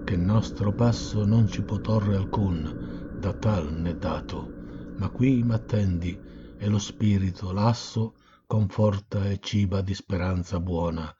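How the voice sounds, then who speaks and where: A man voicing a wise, calm old poet guide, speaking softly, slowly and solemnly in a dull recording with steady hiss. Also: low voice. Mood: gentle.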